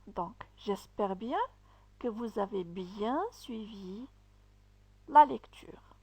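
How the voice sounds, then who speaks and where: A woman teaching a reading lesson to young children, reading slowly and deliberately, word by word. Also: mid-range voice, darkish tone, breathy edge. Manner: slow, deliberate syllable-by-syllable reading. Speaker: primary school teacher.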